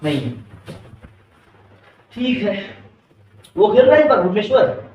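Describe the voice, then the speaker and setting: A man's voice: high voice, very animated, unhurried, dull audio, slight background noise. A male physics teacher with an Indian English accent lecturing a class, constantly firing questions at the students. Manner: keeps quizzing students, calls them beta. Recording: echoey classroom, mic far off.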